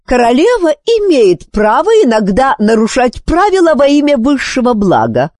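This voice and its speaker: A woman doing Queen Psychora, a shrill imperious queen. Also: huge pitch swings, unhurried, darkish tone, slightly rough, no room sound, clean studio sound, heavily acted. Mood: scornful. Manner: imperious, shrill when angered. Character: proud, cunning, hot-tempered adult queen.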